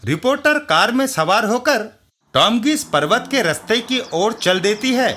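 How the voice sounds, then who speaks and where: Slow, animated male storyteller. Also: sits high, a little hiss or hum. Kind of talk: comic book narration.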